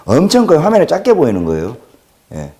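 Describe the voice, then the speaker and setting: A man in his thirties with a Jeolla accent, chatting alone on a livestream. His pitch jumps around constantly as he jokes and rambles, and his voice stays mellow and dark in tone, dropping to near mutters between louder bursts. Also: a little fast. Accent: Jeolla Korean. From Jeolla region, South Korea. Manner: animated, joking, swings between loud and quiet. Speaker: livestream host. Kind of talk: casual livestream monologue.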